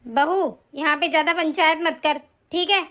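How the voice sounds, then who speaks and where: A scheming rich aunt in a cartoon barks short orders, voiced by a woman. She speaks in a lower register than the other figures, curt and commanding, with a scolding edge. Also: steady tone, normal speed, a bit bright. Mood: bossy. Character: scheming wealthy middle-aged aunt, bossy mother-in-law. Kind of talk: cartoon voice acting.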